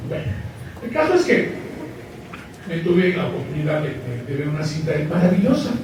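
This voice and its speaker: A man's voice: fairly high pitch, sing-song, brisk. A man giving a live conference lecture, joking and asking the audience questions. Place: large lecture hall. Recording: echoey hall, mic far off, faint hiss.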